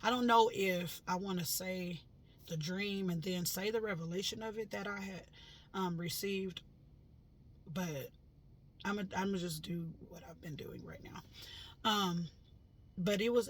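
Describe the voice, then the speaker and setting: Breathy woman telling a dream, animated. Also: fairly low pitch, a little slow. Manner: animated, loud when quoting herself, many fillers. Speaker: vlogger recounting a dream. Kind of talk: casual storytelling.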